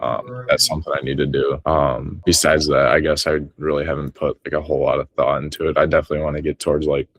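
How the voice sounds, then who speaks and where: A man's voice: a bass voice, no echo. A man from Wisconsin, a guest furniture flipper, talking in a laid-back, hesitant way with lots of fillers. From Wisconsin, USA. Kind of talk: casual conversation.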